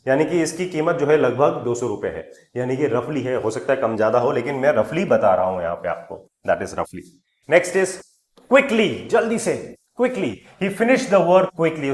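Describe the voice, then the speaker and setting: A man teaching English words, reading example sentences slowly and clearly, then explaining them in Hindi, stressing each new word loudly before trailing off softly. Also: mid-range voice, echoey room.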